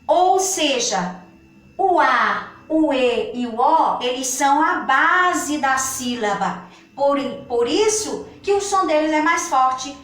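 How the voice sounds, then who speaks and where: A woman with a Brazilian Portuguese accent teaching a children's grammar lesson, speaking slowly and patiently and stretching out her words. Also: sits high, animated, fairly bright tone. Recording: echoey room, far from the mic.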